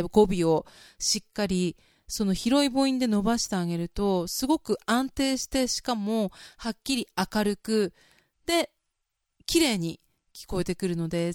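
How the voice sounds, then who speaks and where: A woman's voice: medium pitch, a little mellow, clean tone, no room sound, studio quality. A woman hosting a casual spoken vocal lesson, explaining chattily and breaking into sung vowel demonstrations. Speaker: vocal coach and podcast host.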